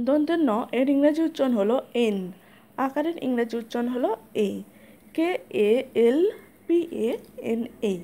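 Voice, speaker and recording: A woman teaching a spelling lesson, spelling out letters one by one in a slow, methodical way. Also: high-pitched, warm tone.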